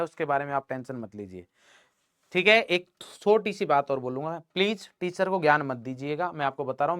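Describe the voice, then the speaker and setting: A young man teaches chemistry in an online class, playfully teasing and joking with his students and calling them "beta." His voice is fairly high, a bit bright, and smooth, recorded with studio quality and no echo.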